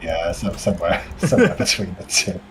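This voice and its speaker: A man's voice: deep voice, very animated, fairly quick, fairly bright tone, a little hiss or hum. A man on team voice chat, chatting casually with dry, amused asides. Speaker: teammate on voice chat.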